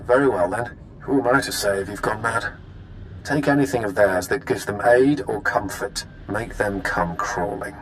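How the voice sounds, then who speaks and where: An actor playing a ruthless, commanding imperial military officer in a video game, with clipped, menacing authority. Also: male voice, fairly low pitch, moderate pace, slight background noise, close to an everyday voice, poor audio. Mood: scheming, stern.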